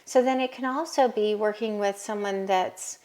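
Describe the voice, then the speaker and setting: A woman's voice: mid-range voice, normal speed, darkish tone. Woman college counselor explaining her work. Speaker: college counselor and business owner. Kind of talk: interview answers.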